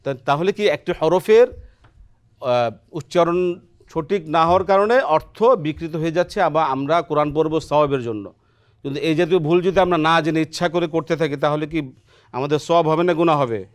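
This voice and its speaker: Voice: mid-range voice, moderate pace, clear, resonant tone. A Quran teacher on a television lesson, patiently quizzing students on letter pronunciation and often ending a point with a questioning "right?". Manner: patient and encouraging. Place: television studio.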